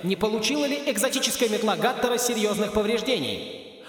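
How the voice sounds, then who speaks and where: A man's voice: high voice, expressive, very echoey, in a large hall, pitched above the performer's own voice. A man doing a gushing race commentator. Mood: excited. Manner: rapid gushing play-by-play. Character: excited male sports race commentator.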